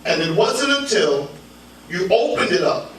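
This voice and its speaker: A man preaching an interactive sermon with call-and-response, playful and teasing, with bursts of shouting. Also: sits high, very animated, measured pace, crowd noise. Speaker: preacher leading a ministry workshop. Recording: echoey church hall, mic far off, congregation audible.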